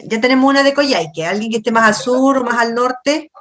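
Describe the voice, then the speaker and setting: Woman, Chilean accent, middle-aged, university lecturer, online class on a video call, asks students questions, halting explanations. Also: fairly high pitch, a bit bright.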